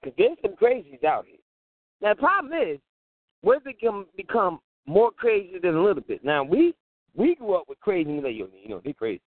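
A man co-hosting a talk radio show from a patchy phone line that fades in and out, talking in an animated way, chuckling and repeating himself for emphasis. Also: sits high, fairly quick, no echo. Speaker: radio show co-host calling in. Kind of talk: casual talk radio chat. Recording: tinny dry phone line.

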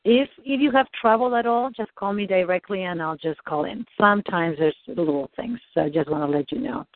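Heard over a tinny, dry phone line, a woman with a lowish voice speaks briskly as an appointment scheduler. She helpfully works out a meeting time, her speech full of hesitant fillers.

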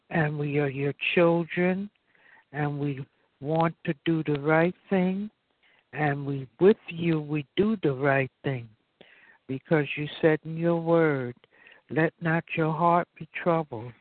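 Man praying slowly over a phone line. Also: on the high side, dry recording. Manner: slow, earnest, repeats "Father God". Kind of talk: opening prayer.

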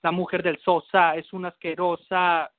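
Guy freestyle rapping trash talk on the phone, highish voice, sounds tinny. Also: little pitch movement, normal speed, a little hiss or hum. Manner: boastful insults, drops in English phrases. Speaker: battle rapper. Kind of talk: freestyle rap battle over the phone. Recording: tinny dry phone line.

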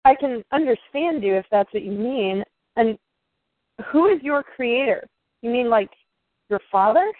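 A woman's voice: a little high, lively intonation, a little slow, no echo. A woman voicing a flustered young writer who speaks hesitantly and with sarcasm. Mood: uneasy. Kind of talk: audio drama acting. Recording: dry tinny phone-like sound.

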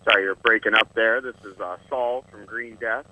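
Phone-in guest: man from Iowa, low and sharp, casual and halting over the phone. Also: steady tone, rough recording. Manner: hesitant, many filler pauses. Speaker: band member, phone-in guest. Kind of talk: casual interview answers.

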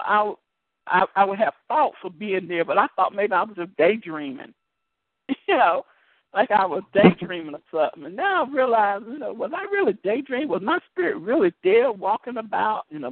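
Evangelist guy on a call-in show, high voice, swoops up and down a lot, repeats words, tinny dry phone sound. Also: fairly quick, no echo. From United States. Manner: animated storytelling with many word repeats and laughs. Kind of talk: testimony told to a caller.

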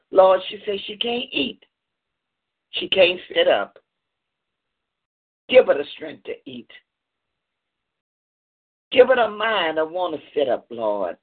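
A man prays fervently and rhythmically, his pitch swinging widely as he rises on each plea and drops on every "Lord". The sound comes through a thin, tinny phone line. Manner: fervent, rhythmic, repeating "Lord" and "in the name of Jesus". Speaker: prayer leader. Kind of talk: intercessory prayer.

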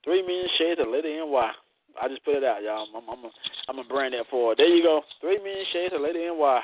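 A man hosting a casual live internet radio show, playful and loud, full of "y'all" and laughter. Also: on the high side, animated, fast, noisy background. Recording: tinny phone-like line.

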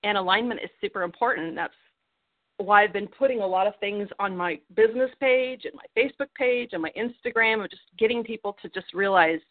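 A woman's voice: medium pitch, a little fast, dry recording. A woman coaching and encouraging others on a group phone call, earnest and heartfelt. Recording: tinny phone line, dry.

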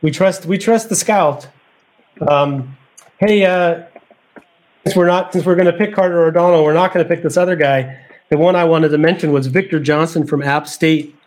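Man, somewhat high voice, casual podcast talk, thinks aloud, sizing up players. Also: normal speed, a little mellow. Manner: thinks aloud, weighing prospects. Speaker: podcast panelist. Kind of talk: casual sports podcast chat.

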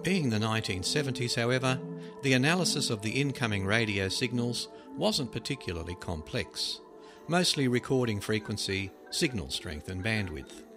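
Man narrating articles over prominent music. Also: mid-range voice. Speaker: narrator reading articles aloud. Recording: loud music behind the voice.

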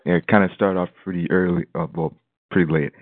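A radio show caller, a man with a very deep voice, comes through a tinny, phone-like line. He talks softly and haltingly, with a dry, close sound and no room echo. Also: steady tone. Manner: speaking softly and hesitantly. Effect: caller heard over a phone line. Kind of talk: call-in question on a talk show.

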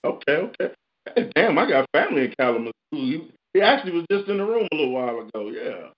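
A man's voice: fairly high pitch, very animated, quick pace, dull audio. A man hosting a casual call-in show, talking in laid-back, profane slang. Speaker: radio show host.

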